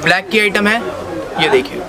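A man's voice: sits high, moderate pace, crowd noise. A man in his thirties giving an eager, insistent sales demonstration in a shop, repeating his selling points. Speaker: wholesale jeans seller. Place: small stock-filled jeans shop, indoors.

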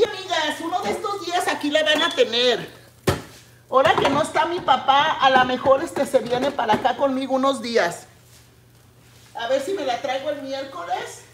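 Slow-talking chatty woman cooking. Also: sits high, a little hiss or hum. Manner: chatty, addresses viewers as friends, often trails into quiet asides. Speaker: cooking channel host. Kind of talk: casual cooking vlog chat. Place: home kitchen. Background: food sizzling in a pan.

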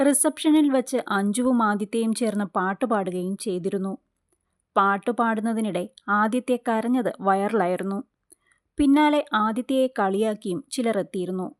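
Female news voice-over, mid pitch, even measured read, dry close recording. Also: no echo. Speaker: news narrator. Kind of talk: scripted entertainment news voice-over.

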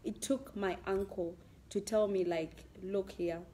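A woman's voice: medium pitch, fairly even intonation, a little slow, dark tone, slight background noise. Chatty woman hosting. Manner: chatty, laughs often, mixes in Shona words. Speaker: host. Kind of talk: casual interview chat.

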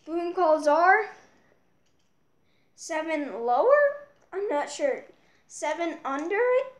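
A woman casually commenting on toy battles, excitable, yelping and correcting herself as she goes. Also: very high-pitched, slow. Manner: excitable, with yelps and self-corrections. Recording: echoey room.

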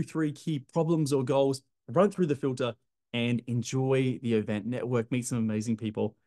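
A man's voice: medium pitch, mellow. A man, talking straight to camera as a business coach, emphatic and gesturing, calling the viewer his friend. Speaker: clinic business coach, video host. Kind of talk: direct-to-camera advice talk. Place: bright indoor apartment room by large windows.

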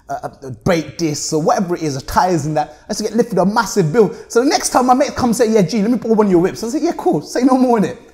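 A man in his thirties from Luton, England, speaking in a British urban roadman accent, is a podcast interview guest who owns a car rental business. Seated at a table in an indoor meeting room, he talks casually in a slangy, street-tough style with a high, slightly mellow voice.

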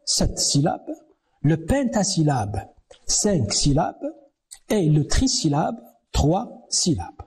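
A man giving a televised university lecture on French verse, slow and deliberate, counting syllables aloud. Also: fairly high pitch, huge pitch swings, a little mellow, husky. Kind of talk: televised distance-learning lecture.

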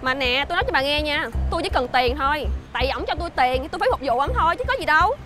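A woman's voice: high-pitched, animated, pushed and bright. A woman playing a smug, mocking young mistress. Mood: taunting. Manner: taunting, smug, drawn-out sentence tags. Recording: music bed behind.

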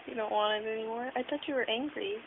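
A woman's voice: a little high, fast talker, gravelly. A woman chatting casually and playfully, asking short prompting questions and echoing answers back. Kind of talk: casual questioning of a sleep talker. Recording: noisy, hissy, tinny phone-like home recording.

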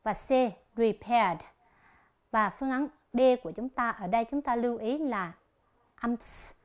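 A woman teaches an English lesson on television, with a voice that sits somewhat high. She works through each exercise in a slow, deliberate way and reads the answer options aloud one by one.

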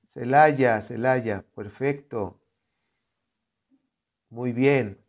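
A man's voice: medium pitch, drawn-out words, highs cut off. A man leading a live-streamed Bible reflection, reading scripture aloud and talking to viewers in an earnest, conversational way. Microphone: computer setup.

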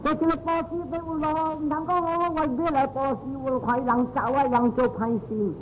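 A man's voice: fairly even intonation, a little fast. A Buddhist monk giving a dharma talk, telling stories and repeating his phrases in pairs, with English phrases mixed in. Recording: muffled with faint noise and low rumble.

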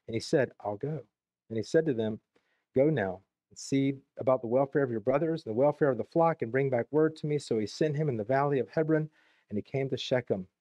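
A pastor with a Southern US accent preaching a sermon in church, reading scripture aloud and adding conversational asides. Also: male voice, medium pitch, warm tone, dry recording, dull audio. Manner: conversational, reads verses then adds plain asides. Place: church sanctuary.

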